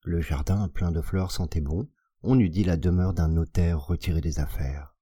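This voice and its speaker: A man narrates a classic tale for an audiobook in a measured, expressive reading. His voice is very deep and mellow with a husky texture. The close recording is dry, with no room sound. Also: no room sound. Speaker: audiobook reader.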